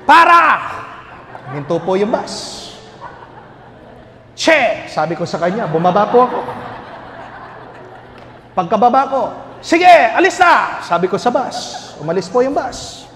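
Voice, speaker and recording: High-voiced priest telling stories. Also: male voice, moderate pace, long pauses, slight background noise. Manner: lively storyteller with jokes and rhetorical questions. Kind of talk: homily with storytelling. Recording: reverberant hall with faint music.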